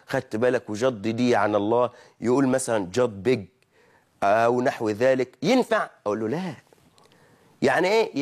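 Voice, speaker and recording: A man's voice: medium pitch, a little mellow. A man with an Egyptian Arabic accent giving a religious lesson, who asks his listeners questions, answers them himself and mimics wrong pronunciations to correct them. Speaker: preacher.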